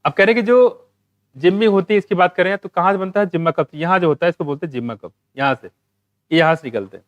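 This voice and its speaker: A man teaching a biology exam-prep lecture, asking questions and answering them himself, reading English textbook lines slowly. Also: high voice, no room sound.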